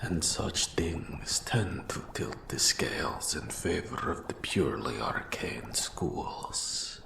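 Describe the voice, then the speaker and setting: In a scripted roleplay audio drama, a man plays a mentor in forbidden magic: an eldritch, nameless old archive custodian who is formal, patient and melancholy. He speaks in a breathy, gravelly bass whisper with slow, deliberate, formal, ominous phrasing, yet lively intonation, in a consoling, solemn mood. The sound is roomy and the voice exaggerated.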